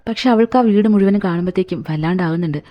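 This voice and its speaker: A woman's voice: lowish voice, rapid-fire, muffled recording. A woman retelling a film's story in a chatty, colloquial way, as a movie recap narrator.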